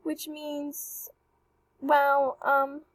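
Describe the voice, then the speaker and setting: A young woman chatting excitedly through a walkthrough of an avatar creator, with apologetic asides. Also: high voice, extremely slow, dry recording, rough recording. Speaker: channel host reviewing avatar creators. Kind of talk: casual screen-recording walkthrough.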